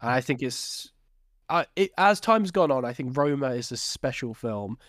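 Man, medium pitch, casual podcast co-host, film chat, repeats words while thinking, dry recording. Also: animated, normal speed, a bit bright, no room sound.

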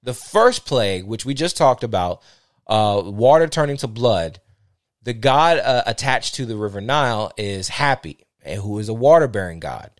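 A man's voice: fairly low pitch, lively intonation, normal speed, dry recording. Male podcast host, casual scripture reader, trips over words and fixes them, dry close sound. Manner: stumbles and corrects himself while reading aloud. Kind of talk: casual Bible reading with commentary.

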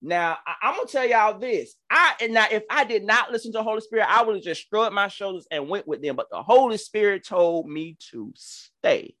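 A man's voice: high-pitched, lively intonation, fairly quick, hardly any pauses, bright, forceful tone, dry recording, studio quality. A man in his thirties from Georgia with a Southern accent, a podcast host and minister telling a testimony in a fervent, preacherly way with stammering restarts. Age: 30s. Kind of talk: testimony-style storytelling.

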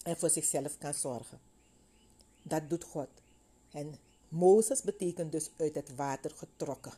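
Woman, middle-aged, preacher, sermon, animated storytelling, husky, mellow. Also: deep voice, unhurried. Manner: animated storytelling, acting out voices of biblical figures. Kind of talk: sermon with Bible reading and retelling.

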